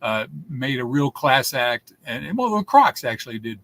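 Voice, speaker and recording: A man's voice: medium pitch, very animated, normal speed, a bit bright. A man in his seventies, a guest telling stories in a casual interview, rambling with many restarts. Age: 70s.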